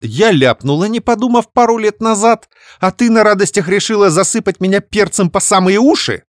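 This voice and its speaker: A man's voice: on the high side, animated, normal speed, no room sound, studio quality, voice pushed up, lightly acted. Irritable tired young woman, voiced by a man, grumbling and snapping. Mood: irritated.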